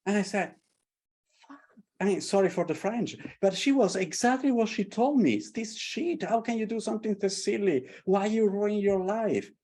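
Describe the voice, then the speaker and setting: A middle-aged Italian man, an artist and tarot creator in London, speaks at a normal speed in a high-pitched voice with a strong Italian accent. He tells stories with passion and animation during a casual conversation.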